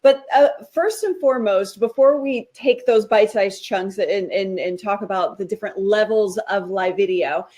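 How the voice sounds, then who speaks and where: A woman's voice: mid-range voice, normal speed, few pauses, a little mellow. A woman guest on a talk show, explaining her work in an upbeat, explanatory way. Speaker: guest, live video strategist. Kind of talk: interview answers.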